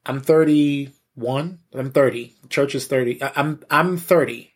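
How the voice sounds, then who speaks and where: In this clip a pastor, interviewed as a guest, tells his own story frankly in a medium-pitched, husky voice. His delivery is halting and chatty, with repeated words and a steady sprinkling of "you know."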